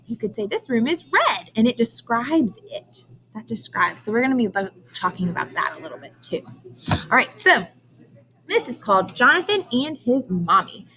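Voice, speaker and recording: Reading aloud to young children, this woman teacher asks them questions and sounds out key words with care. She has a fairly high, slightly bright voice, captured in a low-quality recording.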